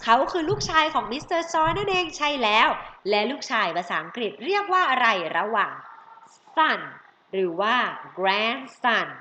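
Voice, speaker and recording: A woman's voice: mid-range voice, bright, forceful tone. A woman with a Thai accent teaching children English family words, coaxing them and drawing out each English word. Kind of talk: bilingual vocabulary lesson for kids. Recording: roomy, slightly dull audio with faint noise.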